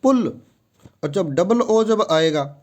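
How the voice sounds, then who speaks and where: A male teacher talks his students through a lesson in an unhurried, deliberate way. His voice sits a little high for a man. He says each example word again and again before moving on. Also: lively intonation, darkish tone. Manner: repeats each word several times, slow and deliberate; addresses students directly. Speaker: English phonetics teacher. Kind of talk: classroom-style lesson.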